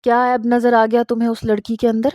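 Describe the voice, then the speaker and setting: Brief: gruff old father, booming and commanding, mellow tone, read by a woman narrator. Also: monotone, no room sound, clean studio sound, lightly acted. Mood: stern. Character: stern booming older father, man.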